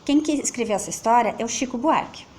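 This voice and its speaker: At home with kids and a pet close by, a teacher with a Brazilian Portuguese accent reads a children's story in a playful, sing-song way. Her voice is on the high side, a little mellow and quick, with slight background noise.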